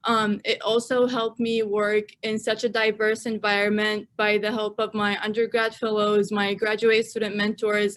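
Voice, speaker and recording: Young woman, from Iraq, student, level monotone, measured introduction. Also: medium pitch. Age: young adult. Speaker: undergraduate student. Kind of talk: prepared self-introduction.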